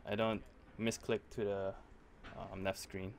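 A man's voice: flat delivery, a little slow, gravelly, slight background noise. A young man streaming himself playing a horror game live, chatting to viewers and yelping in panic, rambling with lots of fillers. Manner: jumpy, panics into high yelps, rambling with fillers. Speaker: gaming streamer. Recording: game music playing behind. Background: game music.

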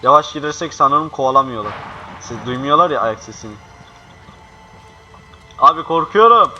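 Jumpy young man yelling at a horror game. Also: medium pitch, expressive, moderate pace, lo-fi sound, faint music behind. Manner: jumpy, swearing, swings from panicked yelling to hushed muttering. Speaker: gaming youtuber. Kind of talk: horror game let's play commentary.

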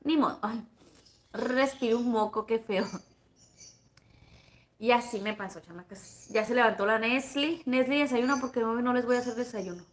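A woman's voice: on the high side, moderate pace, pauses often. A woman with a Sonoran Mexican accent, casually chatting on a livestream, gossipy and friendly, calling her viewers comadres and plebes. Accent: Sonoran Mexican Spanish. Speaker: livestream vlogger. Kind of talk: casual livestream chat reading viewer comments.

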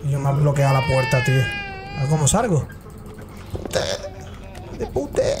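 A man's voice: medium pitch, steady tone, fast, very noisy. A man streaming a horror game, swearing and reacting with jokey running commentary. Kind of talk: horror game let's play.

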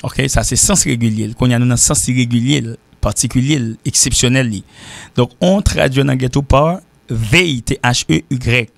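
A man from Haiti with a Haitian accent, teaching an informal language lesson and repeating example sentences slowly. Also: mid-range voice, vocal fry, dry recording. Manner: repeats example sentences slowly, switching between French and Creole. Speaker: English teacher.

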